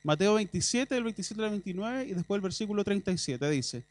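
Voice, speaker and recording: A man's voice: high-pitched, expressive, brisk, no room sound. A man with a Chilean Spanish accent preaching a sermon in a church, talking in a conversational way with ironic asides and emphatic bursts.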